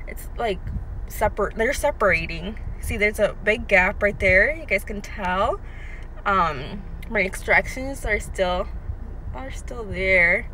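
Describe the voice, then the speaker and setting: Young woman vlogger, lip held down by finger, filler-heavy chat, phone mic with clear background noise. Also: mid-range voice, expressive, slow, sharp tone, low-quality recording. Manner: chatty, lots of fillers. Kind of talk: casual vlog chat. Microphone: handheld phone.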